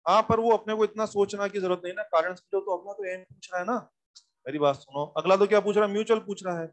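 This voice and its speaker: A man teaching physics in a lively classroom lecture, coaxing students with repeated questions and reminders. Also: sits high, fast.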